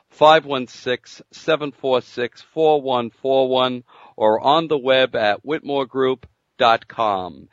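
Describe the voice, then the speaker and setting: A man reading a scripted insurance spot in a deliberate, measured way, with the muffled sound of AM radio. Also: mid-range voice, no echo. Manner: reads the phone number slowly and deliberately. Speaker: ad announcer.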